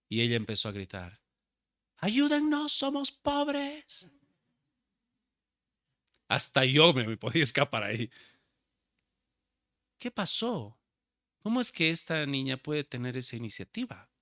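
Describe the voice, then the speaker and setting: A man's voice: medium pitch, sharp tone, no echo, studio quality. A man preaching a sermon as pastor, urging his listeners and calling each one brother. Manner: exhorting, addresses listeners as brother.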